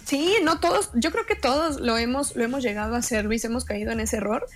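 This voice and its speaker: A woman speaks in a somewhat high voice, calm and explanatory. She talks in a measured way, pausing and repeating words as she thinks. Faint music plays beneath her. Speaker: guest expert on emotions.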